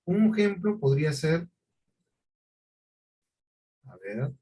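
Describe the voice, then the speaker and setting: Husky-voiced male teacher lecturing. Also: on the high side, expressive, takes it slowly, warm tone, low-quality recording. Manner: questioning, repetitive explanations with check-ins. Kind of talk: classroom lecture.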